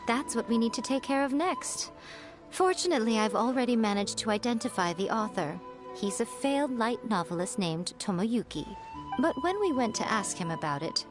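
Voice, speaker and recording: A woman voicing a sly, playful fox-spirit priestess in a game who teases with soft laughs. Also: on the high side, big pitch swings, normal speed. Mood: knowing. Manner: teasing, amused, laughs softly. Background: game music.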